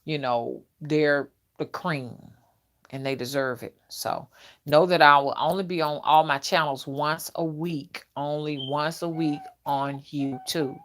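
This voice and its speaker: Deep-voiced and a little slow, she speaks with fairly even intonation and a fairly bright tone. In her early fifties, she's a livestream host and content creator who chats casually, talks directly to viewers, and often checks in with "okay" and "you know."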